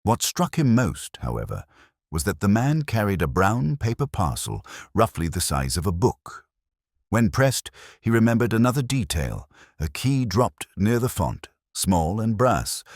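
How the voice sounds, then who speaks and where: A weary inspector tells his case in first-person scripted narration for an audio mystery, his very low male voice swinging widely in pitch. He chooses measured, literary words and sounds brooding and reflective, in a full character voice. The recording is close and dry.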